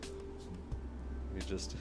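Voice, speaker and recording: A man streaming live, chatting casually and thinking aloud with ums while he works through a design. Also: very slow. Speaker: streamer and engineering teacher. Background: background music.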